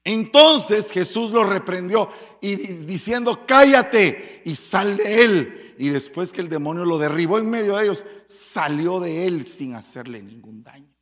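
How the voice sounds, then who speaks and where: A man preaching a sermon as pastor, telling stories dramatically with sudden loud bursts and quiet asides. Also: high-pitched, lively intonation, normal speed.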